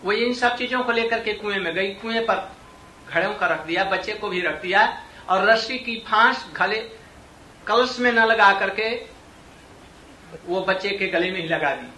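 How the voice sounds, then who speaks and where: Male preacher telling devotional stories, high voice, roomy echo, faint noise behind. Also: measured pace, pushed and bright. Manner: narrates stories, asks the audience rhetorical questions. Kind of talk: devotional storytelling discourse. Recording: echoey room, distant mic, faint ambience.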